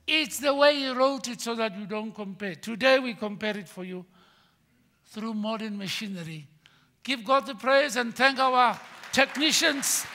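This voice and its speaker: An older man preaching from a pulpit in a church hall, his voice sitting unusually high and bright. He talks slowly and deliberately, breaking into loud emphatic bursts and then dropping to quiet asides, with a long reverb trailing behind every word. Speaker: pastor. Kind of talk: sermon.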